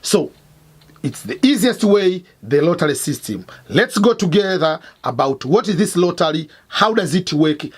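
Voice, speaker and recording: A man's voice: high-pitched, sing-song, moderate pace, slightly rough. A middle-aged man from Tanzania, host of an explainer channel, teaching emphatically and repeating key points. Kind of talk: explainer lesson. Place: Missouri, United States.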